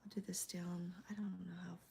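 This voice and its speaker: Whispering woman with a gravelly, cold-roughened voice. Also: fairly low pitch, level tone, brisk. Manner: soft whispering with fillers. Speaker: crochet livestreamer. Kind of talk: whispered ASMR livestream chat. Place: home, early morning.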